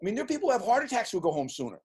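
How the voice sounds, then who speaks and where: A man in his sixties, an interview guest who tells lively stories and acts out the voices of the people in them. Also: sits high, racing, slightly rough. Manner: animated storyteller acting out quoted voices. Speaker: interview guest, sports team executive. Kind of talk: casual storytelling in an interview.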